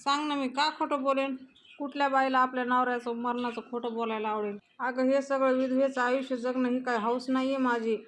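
A tearful young widow, reproachful and pleading, in a fairly high, flat voice, as a woman storyteller reads her part. Her grief comes through in her words more than in any change of voice. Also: fairly quick, lightly acted. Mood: accusing.

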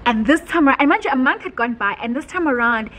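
A young woman tells a story in a casual sit-down home vlog, animated and heartfelt, with many filler words. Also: high voice, fast talker, a little hiss or hum, rough recording. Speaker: vlogger. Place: home, indoors.

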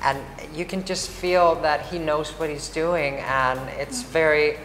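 Unhurried and fairly even in intonation, a talkative low-voiced Icelandic woman answers a casual interview with many fillers and restarts. Her lapel mic picks up a little hiss or hum, plus the roomy echo and faint ambience of the large, bright hall with wood screens where she sits.

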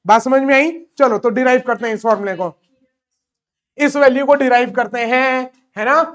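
A man teaching a physics lesson in Hindi mixed with English terms. He keeps asking questions and answering them himself, and he slows right down when dictating. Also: extremely high pitch, fairly even intonation, a bit bright. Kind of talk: classroom physics lecture.

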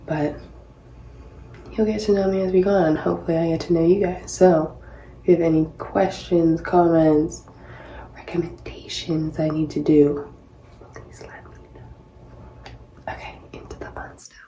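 With a low, warm voice and fairly even intonation, she talks at a measured pace and pauses often. The speaker is a twenty-something pro tennis player from Hawaii, vlogging casually in a small bathroom while getting ready, full of rambling asides that poke fun at herself. A close-up built-in phone or laptop mic makes for an echoey, low-quality recording.

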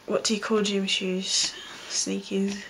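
Young woman, Australian accent, offhand vlog delivery, gravelly fry, little pitch movement, slight background noise. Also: monotone, slow, fairly bright tone, rough recording. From Blue Mountains, New South Wales, Australia. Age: young adult. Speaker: vlogger. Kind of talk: casual accent-challenge vlog, reading prompts and answering. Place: small bedroom, indoors.

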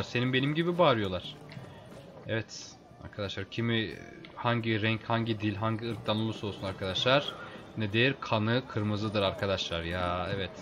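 A man casually commenting on a video game as he plays, chatting with his viewers as friends and getting excited in fights. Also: lowish voice. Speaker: let's play host.

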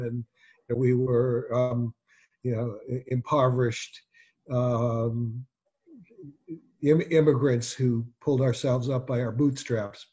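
A man's voice: mid-range voice, warm tone, slightly rough. A man in the audience asking a question on a video call from home, hesitant, with many fillers. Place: home room.

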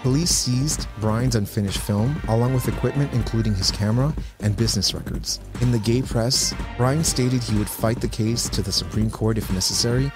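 A man narrating a scripted video essay in a measured, informative way. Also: mid-range voice. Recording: voice-over with music underneath.

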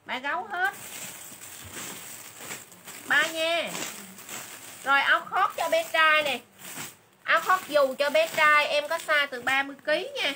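A woman runs a chatty livestream sales pitch, repeating each item and price to her viewers. Her voice sits high and sounds bright and sharp. A faint hiss of noise runs underneath. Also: measured pace, pauses often. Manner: chatty, calls viewers "dear sisters". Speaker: livestream clothing seller.

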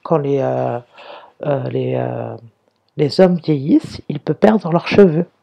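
A primary school teacher giving a slow, careful reading lesson to young pupils, sounding out and spelling words one by one. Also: mid-range voice, expressive, gravelly, dark tone, lo-fi sound.

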